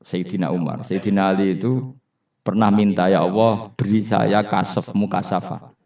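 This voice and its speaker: A man's voice: sits low, moderate pace, darkish tone. A man with a Javanese accent preaching a Quran study sermon, telling stories and putting questions to the audience. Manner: storytelling with questions to the audience and laughter. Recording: roomy, distant, dull hall recording.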